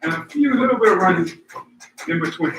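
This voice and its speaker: This running workout vlog host has a high-sitting, gravelly, slightly bright voice with big pitch swings and a fairly quick pace. He chats casually and motivationally to viewers while running and power walking, captured by a distant mic in a roomy space with faint noise.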